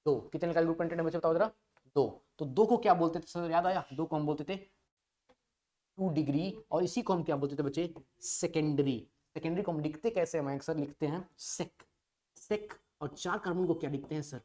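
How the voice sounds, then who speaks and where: A man's voice: on the high side, brisk, dark tone. A male chemistry teacher giving an online class in a playful, coaxing way, asking students questions and then answering them himself. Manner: playful, coaxing call-and-response.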